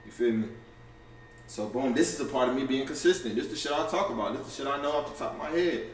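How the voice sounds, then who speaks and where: A man in a casual livestream to camera, talking fast and loosely with lots of slang, profanity, restarts and "you feel me" asides. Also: medium pitch, lively intonation, a little hiss or hum. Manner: fast and offhand. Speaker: content creator going live. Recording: roomy, distant camera audio with faint ambience.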